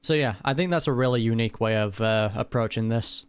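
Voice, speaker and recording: A gaming reaction host offers casual commentary on a video game while game music plays behind him. His mid-range voice is a little fast and clean, with no room sound, and his informal, thoughtful remarks are bluntly worded.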